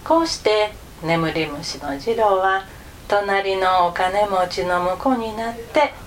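Slow, expressive woman telling a folk tale. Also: medium pitch, a little hiss or hum. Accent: Kansai Japanese. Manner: gentle, expressive storytelling with whispered asides. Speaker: storyteller.

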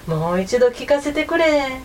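A woman voicing a crafty male fox in a folk tale, drawing out her words in a slow, coaxing tone. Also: high voice, very animated, a little mellow, a little hiss or hum. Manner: slow, coaxing, sweet-talking. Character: sly flattering male fox, crafty and rough.

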